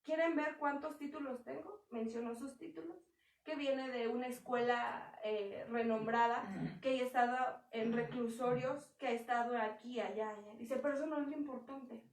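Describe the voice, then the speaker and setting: A woman's voice: on the high side, steady tone, moderate pace. A young woman preaching a sermon in a conversational way, acting out quotes as she speaks. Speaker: church speaker. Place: church hall. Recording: echoey hall from far off.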